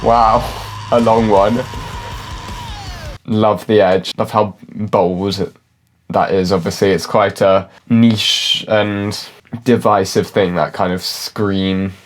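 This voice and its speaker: Brief: very low-voiced male music reactor, casual and analytical, hedges a lot, faint music under him. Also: fairly even intonation, takes it slowly. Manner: chatty, hedging, filler "like", musical terms. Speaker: classically trained musician reacting to songs. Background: faint music from the reacted video.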